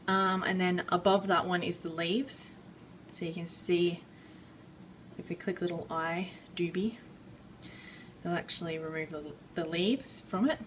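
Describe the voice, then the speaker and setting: Woman explaining a drawing program, slow rambling talk, a bit breathless, distant mic with faint room hiss. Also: fairly low pitch, a bit bright. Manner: rambling, self-deprecating, many fillers and restarts. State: a bit out of breath, clearing her throat. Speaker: art tutorial maker. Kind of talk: casual screen-recorded drawing tutorial.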